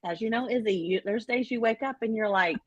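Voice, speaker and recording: A middle-aged woman health coach and author, chatting in an interview in an animated, self-deprecating way with many fillers. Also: on the high side, brisk, dry recording, dull audio. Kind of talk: casual interview chat.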